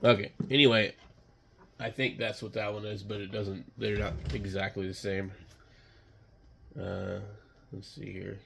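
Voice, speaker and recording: Male hobbyist vlogger, sick, unhurried and gravelly, rambling bluntly off the cuff while browsing. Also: on the low side, level tone, a bit bright, a little hiss or hum. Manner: muttering, unscripted, halting, blunt. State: sick, occasional coughing and throat clearing. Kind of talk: casual rambling commentary while browsing online.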